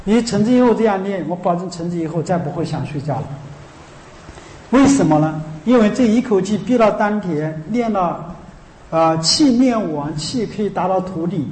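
Man, Buddhist teacher, high voice, explains chanting earnestly; recorded in a reverberant hall. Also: lively intonation, a little mellow. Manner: slow drawn-out chanting alternating with earnest spoken explanation.

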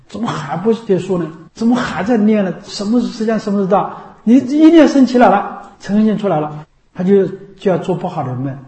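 A man with a high, mellow voice gives a Buddhist dharma talk in a relaxed, conversational way. He keeps asking his listeners rhetorical questions and slips into the voices of the people he quotes. The sound is roomy, with a clear echo. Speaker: Buddhist monk teacher. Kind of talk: dharma talk to lay followers.

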